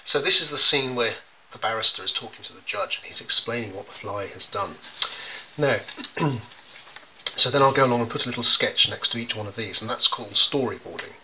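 An English man, a children's poet, casually explains and demonstrates how he illustrates his poems, with lots of ums and restarts. His mid-range voice is a little fast, pushed and bright, on a low-quality recording with a little hiss or hum.

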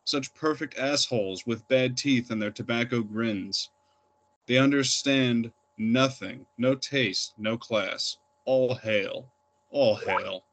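A man's voice: mid-range voice, slow, fairly bright tone. A young man reading his own poems aloud at an open reading, plain and unpolished, with fillers between poems. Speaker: poet reading. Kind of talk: poetry reading.

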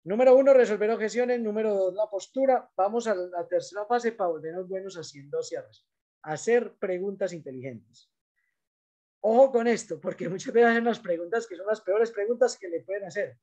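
A man's voice: high voice, normal speed, dark tone. A man giving a business training talk, coaching salespeople in an emphatic, direct way.

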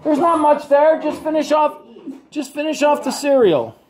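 A woman's voice: sits high, lively intonation, moderate pace, crowd noise. A woman, an aunt filming her niece at a home kitchen table, scolding in exasperation and repeating herself. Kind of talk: casual home video. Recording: clatter of dishes and cutlery.

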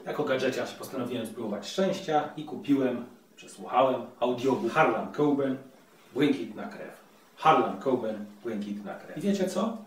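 A man's voice: mid-range voice, expressive, normal speed. Male host, chatty playful review, far from the mic in a very echoey room. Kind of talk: casual video review.

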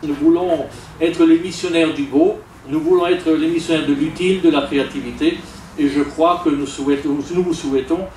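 A man giving a formal ceremony speech at a stand mic in an event tent, pausing often with many hesitations. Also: fairly high pitch, steady tone, a little mellow, slight background noise. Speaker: awards ceremony speaker. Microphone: stand mic, filmed from afar. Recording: echoey, distant camera audio.

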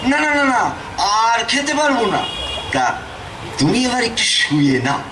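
Fussy, hospitable village puppet host voiced by a man, high and swooping, repeats himself; loud noise behind. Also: very animated, normal speed. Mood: fussing, coaxing. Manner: repeats words insistently. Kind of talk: folk-tale puppet show dialogue. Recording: echoey, distant, very noisy.

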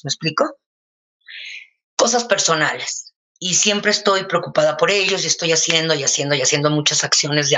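An older woman with a Mexican accent, a guest in an interview, telling a personal anecdote in a lively, casual way with many fillers. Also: lowish voice.

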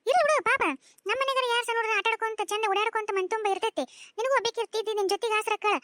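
A woman's voice: extremely high pitch, fairly even intonation, very fast, fairly bright tone, no room sound, clean studio sound. A woman voicing a doting older village mother with a North Karnataka accent, tearful and pleading, in a cartoon. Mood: coaxing. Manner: pleading, emotional. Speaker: voice actor. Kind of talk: cartoon voice acting.

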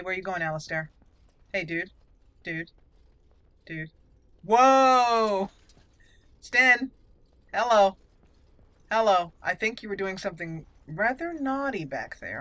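Expressive and a bit bright, her medium-pitched voice goes slowly and pauses often. The speaker is a gaming channel host giving casual roleplay game commentary, playfully chatting with the characters as she plays.

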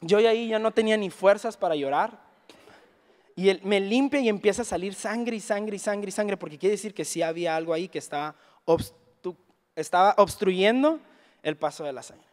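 A man's voice: high voice, normal speed. A man with a Mexican Spanish accent preaching a Sunday sermon, telling a story and acting out the people in it. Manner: animated storyteller, acts out quoted dialogue. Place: church hall. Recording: reverberant hall.

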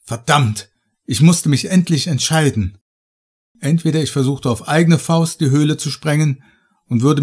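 A man's voice: on the high side, a little mellow, breathy edge. Man narrating a horror audiobook. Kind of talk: scripted first-person horror audiobook narration.

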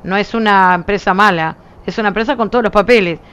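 A woman's voice: mid-range voice, fast talker, a bit bright, smooth. A woman with a Uruguayan accent, chatting casually with her viewers as a streamer, emphatic and insistent, her voice nearly gone. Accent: Uruguayan Spanish. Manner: emphatic, talks with her hands in her voice, frequent "¿viste?". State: nearly lost voice.

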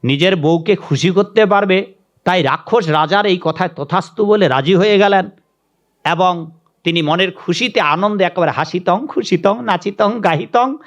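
A male preacher telling a religious story in an animated way, acting out the characters' voices. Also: high voice, moderate pace, dull audio.

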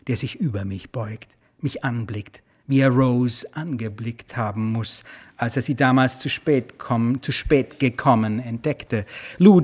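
A man, an author, reading his own prose aloud in a measured, expressive way during a lecture, on a dull, lo-fi recording. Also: mid-range voice.

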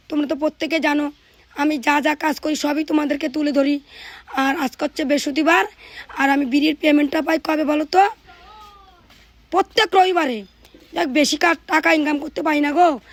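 A high-pitched woman in her thirties talks through her day at home, chatting directly with her viewers about chores and her children. The sound is close and dry, with no room echo. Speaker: vlogger, mother of three. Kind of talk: casual household vlog narration.

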